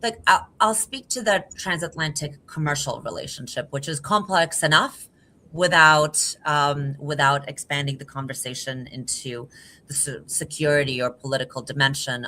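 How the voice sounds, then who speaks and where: A woman from Croatia, a business association executive, speaking on a conference panel in a measured, deliberate way with frequent fillers. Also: very deep voice, bright, forceful tone, slight background noise. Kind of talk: panel discussion.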